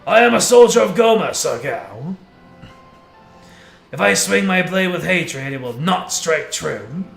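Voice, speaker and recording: A man's voice: high-pitched, expressive, unhurried, gravelly, fairly bright tone, exaggerated voice. A man reading a solemn formal knight. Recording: echoey room, faint music.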